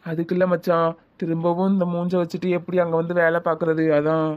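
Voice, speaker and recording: A man's voice: fairly high pitch, completely flat delivery, quick pace, lo-fi sound, close to an everyday voice. A man voicing a troubled, jobless young man in a cartoon, with heavy, regretful talk in a Tirunelveli Tamil accent. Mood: weary. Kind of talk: cartoon voice acting.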